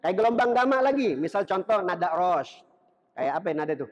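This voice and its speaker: Male preacher with a really high voice, talks to the crowd like a chat, long echoey mosque hall. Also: big pitch swings, brisk, dull audio. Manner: conversational, addresses the audience directly; breaks into chanted Quran recitation to demonstrate melodies. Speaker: Islamic preacher. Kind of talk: religious lecture.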